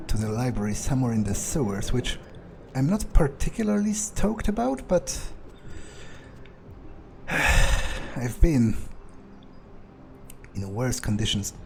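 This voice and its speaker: Speaking in character during a game playthrough, a man voices a jaded, cocky vampire outcast thinking aloud, hesitant, muttering and swearing. His voice sits at medium pitch with vocal fry, and a little hiss or hum can be heard.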